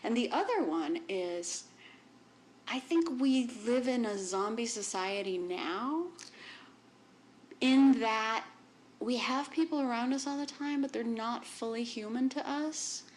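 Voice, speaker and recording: A woman's voice: on the high side, slow pace, a little mellow, a little hiss or hum. A woman co-hosting a podcast in casual chat, musing and self-aware, often trailing off. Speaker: podcast co-host.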